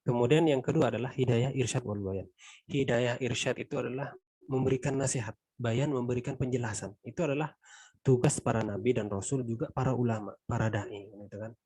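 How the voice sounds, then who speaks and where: A middle-aged man with an Indonesian accent gives a conversational Quran exegesis lesson. His voice is mellow and a little husky, recorded dry and close. He keeps tagging his points and lets line endings fall away quietly. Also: medium pitch, steady tone, fairly quick, no room sound. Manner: conversational, frequent "gitu kan" tags, trailing softly. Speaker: religious teacher.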